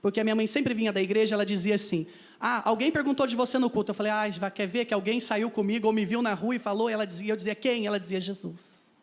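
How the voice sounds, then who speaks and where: Brazilian guy telling his testimony at church, talks really fast, acts out the quotes. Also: high voice, fairly even intonation. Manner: vivid storytelling, acting out quoted dialogue. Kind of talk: personal testimony. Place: parish church.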